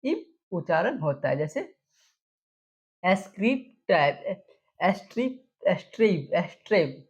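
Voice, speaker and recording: Gravelly-voiced woman teaching spelling. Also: fairly low pitch, big pitch swings, takes it slowly, a little mellow. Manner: repeats words and quizzes with questions. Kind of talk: explaining rules to students. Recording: dull lo-fi recording.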